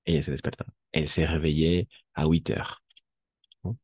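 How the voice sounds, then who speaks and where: A man teaching a live online class, repeating phrases slowly to drill pronunciation and often checking that his students follow. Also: rumbling low, steady tone, a little mellow, breathy edge, dry recording. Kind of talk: online language lesson.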